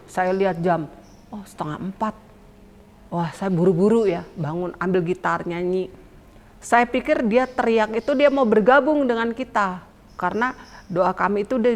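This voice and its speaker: A woman pastor telling her personal testimony in a lively storytelling way, addressing listeners directly and acting out quotes. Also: medium pitch, long reverb tail.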